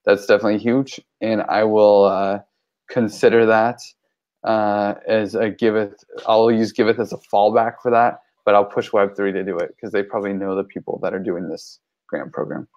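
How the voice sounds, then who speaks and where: A man's voice: on the low side, little pitch movement, normal speed, a little mellow. A man talking casually in an online meeting, rambling with many fillers. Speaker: team member reporting on campaigns. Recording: dull lo-fi call audio.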